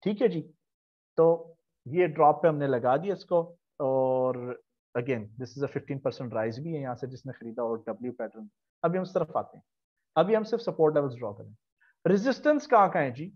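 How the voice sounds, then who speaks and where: A man's voice: mid-range voice, expressive, normal speed, lo-fi sound. A man teaching a live online class. He explains step by step, asks questions and then answers them himself, and he repeats key terms in chanting lists. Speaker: trading instructor.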